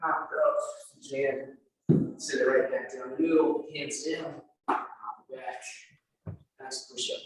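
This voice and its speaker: A man's voice: mid-range voice, steady tone, slow pace, long pauses. A man leading a live workout class, counting down reps and calling out encouraging cues. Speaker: fitness instructor. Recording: echoey room, distant mic, faint noise.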